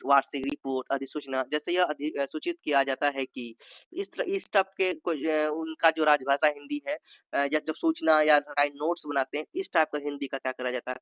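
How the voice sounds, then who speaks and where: A man with a slightly high voice teaches an exam-prep lesson, repeating each point and acting out sample sentences in different tones. The recording is dry, with no room sound. It is also a little dull and muffled. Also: a bit bright, no room sound. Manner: repeats points, says "ठीक है" often, acts out sample tones. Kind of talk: explanatory Hindi lesson.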